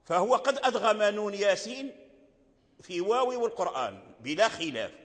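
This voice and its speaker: An older man teaching recitation rules in a lesson, speaking slowly, repeating phrases and chanting short verses. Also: high voice, big pitch swings, fairly bright tone. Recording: long hall reverb.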